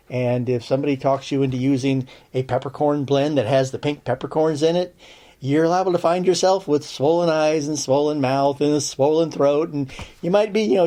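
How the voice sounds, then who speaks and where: A man's voice: on the high side, dark tone. A man giving a casual spoken lesson on herbs for a podcast, chatty and checking in with his listeners, with dry sarcastic asides. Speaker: herbal lore teacher on a podcast.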